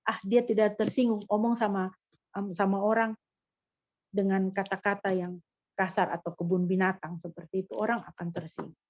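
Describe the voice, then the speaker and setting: A woman's voice: medium pitch, fairly even intonation, normal speed, darkish tone, dry recording, lo-fi sound. A woman pastor delivering a sermon in a teaching manner, often asking rhetorical questions of the congregation. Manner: didactic, with frequent rhetorical questions.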